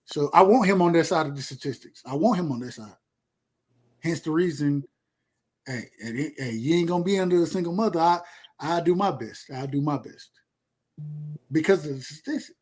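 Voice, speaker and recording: Man, 30s, fairly high voice, loose rambling podcast host talk. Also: expressive, a little fast, long pauses, a little mellow, slightly rough. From Georgia, USA. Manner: laid-back, boastful, rambling with repeats. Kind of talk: casual chat.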